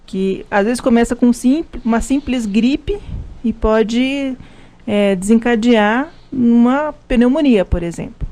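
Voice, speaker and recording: This woman's voice is warm, on the high side, and slow-paced. She's a Brazilian pharmacist guest on live radio with a Brazilian Portuguese accent, explaining health matters while frequently restarting and using lots of fillers.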